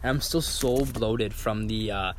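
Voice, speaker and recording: A man's voice: fairly low pitch, a little slow, a little hiss or hum. A young man telling a story in casual chat, acting out quotes and swearing freely. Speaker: guest storyteller.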